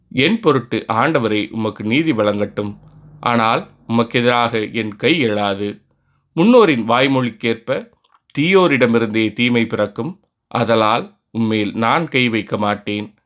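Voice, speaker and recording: A man reading the part of a humble young warrior pleading his loyalty, in a solemn, measured way. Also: medium pitch, fairly bright tone, lightly acted.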